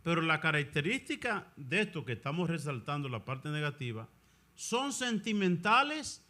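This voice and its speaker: Animated, bright-voiced male priest. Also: fairly high pitch, fairly quick. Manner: animated, acts out other people's voices. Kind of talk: conversational discussion.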